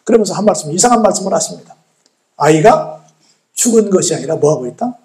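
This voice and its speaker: Guy preaching in church, lively swooping voice, acts out the people in the story. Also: sits high, rapid-fire. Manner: animated storytelling, acting out speakers, asks congregation questions. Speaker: pastor. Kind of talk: sermon.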